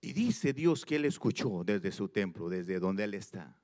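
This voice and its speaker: A man preaching a sermon, reading scripture slowly and with emphasis, repeating phrases and putting questions straight to his listeners. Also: on the low side, lively intonation, darkish tone. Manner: addresses listeners directly with questions.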